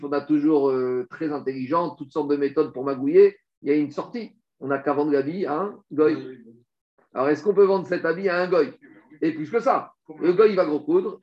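Guy teaching talmud, high voice, talks fast and lively, kinda muffled recording. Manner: animated, rapid explanations mixing French with Hebrew and Aramaic readings. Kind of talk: Talmud study lesson. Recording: dull lo-fi recording.

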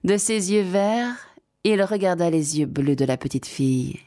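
A woman narrating a children's fairy tale in an expressive, measured way. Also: on the low side. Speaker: storyteller.

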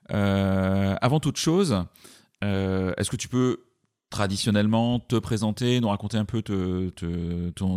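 A man's voice: fairly low pitch, gravelly, a little mellow. A man hosting a podcast and interviewing a guest, hesitating often with fillers. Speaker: podcast host.

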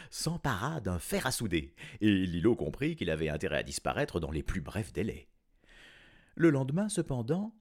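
A man narrating a children's story in an expressive, animated way. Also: medium pitch, gravelly.

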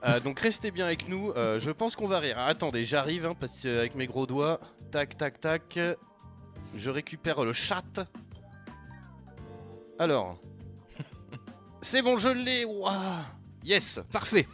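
A man's voice: a little high, unhurried, long pauses, soft background music. A man hosting a live radio show in a studio, joking and slangy with many fillers. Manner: excitable, joking, slangy and swearing. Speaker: radio host.

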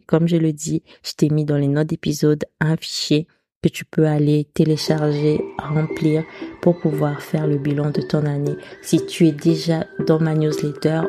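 Woman podcaster w/ an accent, chatty, stumbles and restarts a lot, mellow and kinda monotone, dry close mic. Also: low-pitched, breathy edge, dry recording. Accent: non-standard French accent. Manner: chatty, hesitant, many restarts. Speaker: podcast host. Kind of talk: casual solo podcast talk.

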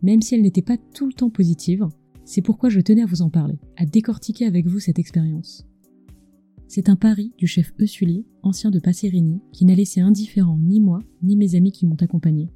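A podcast host who tells culinary stories narrates from a script, close and intimate on a screened microphone, right in the listener's ear. Her fairly low voice is warm with a breathy edge and fairly quick, the recording dry beneath soft background music.

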